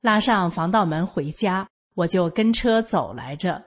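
A woman's voice: on the low side, a little slow. Older woman, Northeastern Mandarin accent, homely storytelling, matter-of-fact. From Northeast China. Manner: homely, matter-of-fact telling with lively local expressions. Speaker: storyteller sharing a personal account. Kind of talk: first-person storytelling.

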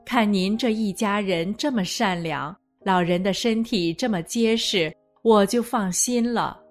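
A woman reading the quoted words of an anxious, grateful young man in a slightly lower, quieter voice. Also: measured pace, faint music behind, natural voice. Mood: relieved.

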